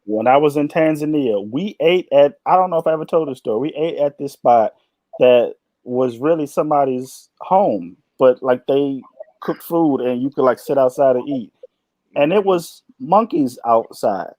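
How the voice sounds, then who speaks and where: A man's voice: medium pitch, moderate pace, no room sound. A man in his late twenties, co-hosting a casual chat show, telling stories with a playful, teasing manner. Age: 20s. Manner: animated storyteller, playful teasing. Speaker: co-host.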